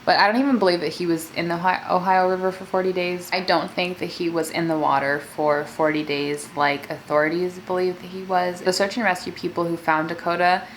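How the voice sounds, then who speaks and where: A woman's voice: fairly low pitch, little pitch movement, fairly quick, few pauses, a little hiss or hum, poor audio. A woman talking casually as a mukbang host, telling a true-crime story in a chatty way peppered with filler words. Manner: conversational, filler-heavy with frequent "like".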